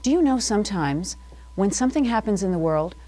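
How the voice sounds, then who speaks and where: A woman's voice: mid-range voice, expressive, brisk, warm tone. A middle-aged woman hosting a live improvised comedy monologue from a TV studio, talking in a mock-serious, theatrical, confiding way. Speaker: host. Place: cable access TV studio.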